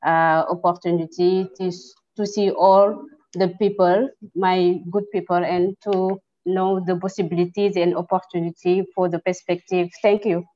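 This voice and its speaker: Halting Senegalese woman on a dull call. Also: on the low side, little pitch movement. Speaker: webinar participant. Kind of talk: self-introduction in an online meeting. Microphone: video call.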